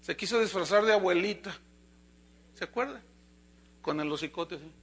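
A man preaching a sermon as pastor, telling a fable with animated storytelling. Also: sits high, moderate pace, slightly rough.

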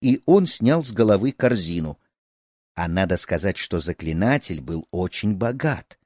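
A man's voice: deep voice, normal speed, no room sound, clean studio sound. A man narrating a folk tale, telling it expressively to listeners. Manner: expressive, animated storyteller.

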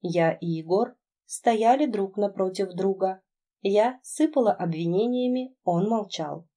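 A woman narrating an audiobook in the first person, telling the story in an emotional, expressive way. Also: mid-range voice, measured pace.

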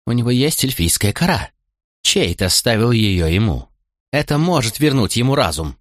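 A man's voice: medium pitch, very animated, moderate pace, dry recording, clean studio sound, voice pushed up. A man voicing an anxious, agitated jester in an audiobook. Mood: urgent. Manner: agitated, hissing.

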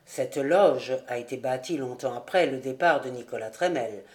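A secretive charcoal burner with a voice pressed low and slow, as a woman reads him in an audiobook. He talks with grave calm, in a steady, hushed tone. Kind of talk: audiobook character voice.

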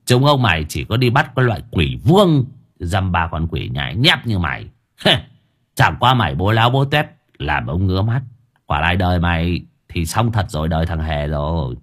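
A cocky old exorcist, voiced by a male narrator, low and husky but bouncing through wide, lively swings of pitch. He brags and threatens in a crude, swaggering way, a rough storybook rascal. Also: normal speed, exaggerated voice. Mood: cocky bragging.

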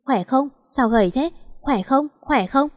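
A woman's voice: sits high, expressive, unhurried, no room sound, clean studio sound, voice pushed up. Woman voicing an older doting mother, anxious and fussing, storybook read. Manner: fussing, repeating herself.

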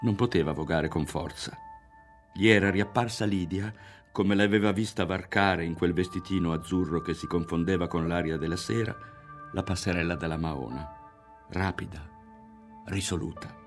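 Deep-voiced man narrating a novel. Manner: measured, expressive, dropping to hushed tones. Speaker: audiobook reader. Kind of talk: literary audiobook narration. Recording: faint music underneath.

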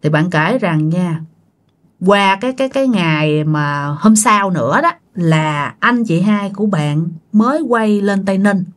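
A woman's voice: medium pitch, expressive, a little slow. A woman with a Southern Vietnamese accent telling a ghost story in a chatty, casual way, addressing her listeners directly.

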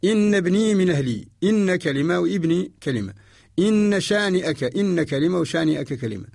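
A man from Mauritania teaching Quranic spelling in a radio lesson, slow and deliberate, repeating each example word by word. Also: high-pitched, animated, vocal fry, darkish tone, no room sound, clean studio sound. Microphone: studio microphone.

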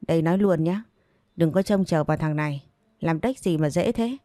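A woman's voice: sits low, a little fast, warm tone, no room sound, studio quality, natural voice. A woman voicing a callous young man who coldly rejects his pregnant lover with contempt. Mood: contemptuous. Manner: contemptuous, dismissive.

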